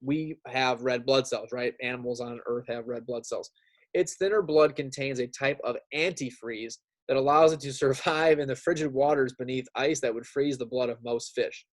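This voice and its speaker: His mid-range voice stays steady at a normal speed as this elementary school teacher reads aloud to young students. The lesson is informal and talkative, with casual asides and regular check-ins with the class.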